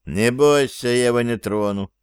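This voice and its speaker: Man voicing a cool male ringleader, unhurried, teasing, smooth clear tone. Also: mid-range voice, no echo, studio quality, close to an everyday voice. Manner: calm, commanding, mocking. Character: cool, cocky male leader of a gang.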